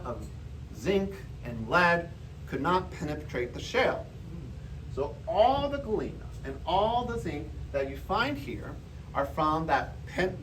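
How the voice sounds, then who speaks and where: A geology presenter with a voice on the high side and a bit bright gives an informal public lecture, explaining things conversationally to a live audience in an indoor room. It's recorded from a distant mic, sounding roomy with faint background noise.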